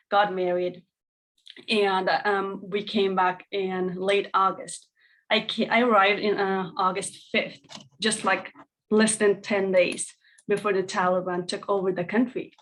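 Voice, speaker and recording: A woman's voice: medium pitch, low-quality recording. A young woman from Afghanistan sharing a heartfelt personal testimony on a video call. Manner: conversational and heartfelt. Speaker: speaker at a community briefing.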